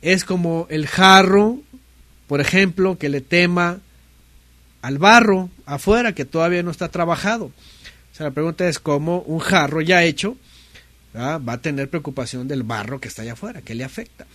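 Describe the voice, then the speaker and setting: Mexican guy preaching, chatty, keeps asking the crowd stuff, higher voice, dry sound. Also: moderate pace, fairly bright tone, no room sound. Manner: conversational, asks rhetorical questions, mimics people's complaints. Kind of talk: sermon.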